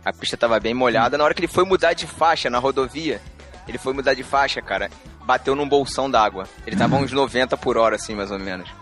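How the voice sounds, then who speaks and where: A man chatting on a podcast, rattling off a personal story at a quick clip with faint music underneath. He stays animated, laughs often and repeats words as he goes. His voice sits at an ordinary middle pitch. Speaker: podcast co-host. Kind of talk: casual storytelling chat.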